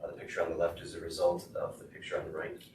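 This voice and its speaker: A man interpreting a student's talk into English at a school board meeting, steady with frequent "uh". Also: low voice, fast. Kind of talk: consecutive interpreting. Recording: echoey room, far mic, noisy.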